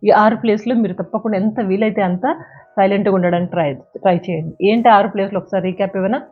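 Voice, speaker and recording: A woman's voice: mid-range voice, fast, husky. A woman giving a motivational talk that counsels listeners directly and uses everyday examples. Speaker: self-help speaker. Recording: tinny phone-like sound, faint music.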